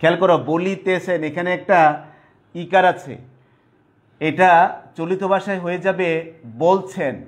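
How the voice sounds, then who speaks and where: A male teacher giving an online grammar lesson at a board, dictating slowly and repeating terms piece by piece. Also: high voice, steady tone. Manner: slow, repetitive dictation, spelling out terms piece by piece.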